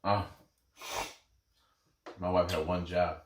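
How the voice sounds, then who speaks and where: Male podcast co-host, deep voice, loose sweary sports chat that wanders, recorded off-mic in a reverberant room. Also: level tone, slow pace, a little hiss or hum. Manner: rambling, sweary, self-deprecating. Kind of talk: casual sports banter. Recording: echoey room, distant from mic.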